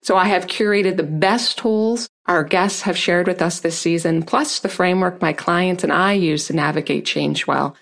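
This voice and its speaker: A woman hosts a podcast with a slightly low-pitched voice. She speaks in a calm, measured and encouraging way, moving between a scripted intro and gentle interview questions. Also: vocal fry. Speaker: podcast host.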